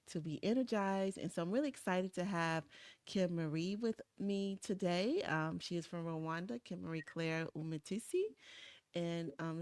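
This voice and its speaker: A woman hosting an online interview from her home studio, upbeat and often pausing on "um". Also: lowish voice, smooth, dry recording. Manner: upbeat, frequent "um" fillers. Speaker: host. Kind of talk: webinar interview. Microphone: video call.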